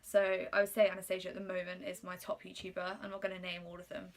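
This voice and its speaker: A woman in her twenties, a YouTuber whose first language is Polish, reads out get-to-know-me questions and answers them casually, with plenty of ums. Her voice is lowish and monotone, and she talks fast.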